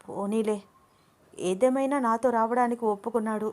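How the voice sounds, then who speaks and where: A woman voicing an excited, stylish young woman who talks to herself while waiting on a man. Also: a little high, normal speed, close to an everyday voice. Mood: eager.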